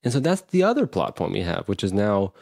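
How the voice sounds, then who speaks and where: A man's voice: lowish voice, huge pitch swings, a little fast, creaky, darkish tone, dry recording, clean studio sound. A man hosting a podcast, recapping a movie plot in a rambling, casual way and acting out what the characters say. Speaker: podcast host.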